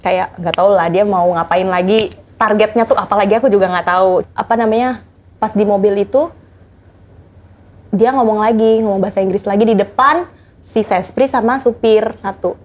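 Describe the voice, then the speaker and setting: A woman's voice: mid-range voice, moderate pace, darkish tone. Chatty woman telling her story. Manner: chatty, many fillers, mixes in English. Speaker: former personal assistant. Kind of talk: casual interview storytelling.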